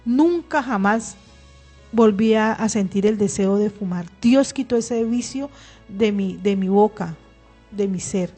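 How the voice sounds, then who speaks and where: A middle-aged woman tells her faith testimony in a radio studio, her voice warm and mellow. She speaks earnestly and with feeling, often restarting her words. Soft music plays faintly behind her. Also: mid-range voice, unhurried. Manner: emotional, earnest, with frequent restarts. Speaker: radio program co-host. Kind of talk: personal religious testimony on radio.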